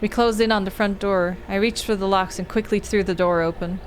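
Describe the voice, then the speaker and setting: Her pitch is medium and her delivery fairly quick as this woman streams a visual novel, voicing the text and talking it over with storytelling flair. Slight background noise can be heard.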